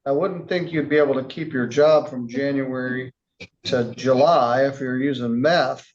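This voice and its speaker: Stern male judge, calm turning angry. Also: mid-range voice, normal speed, dull audio. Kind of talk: courtroom address to a defendant.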